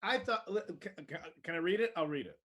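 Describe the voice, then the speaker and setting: A man's voice: high-pitched, animated, fast talker, fairly bright tone. A man co-hosting a comedy podcast, rambling with stammered restarts and heavy sarcasm. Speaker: podcast co-host. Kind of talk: casual comedy chat.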